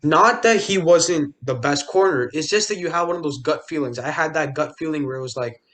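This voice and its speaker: A man's voice: on the high side, brisk, a bit bright. A young man co-hosting a casual sports podcast, talking loosely with lots of fillers, restarts and jokey asides. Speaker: podcast co-host.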